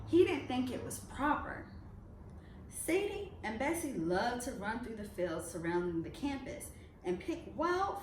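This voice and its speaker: Reading a children's picture book aloud, a woman uses a high, highly lively voice and a storyteller's expressive delivery. She's picked up from a distance in a room full of echo, with faint noise underneath.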